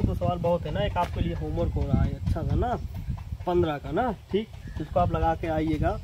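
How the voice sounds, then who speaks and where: Addressing students directly, a man with a fairly high voice goes over basic math casually, repeating every point and adding a questioning "na" to his lines. Background noise can be heard.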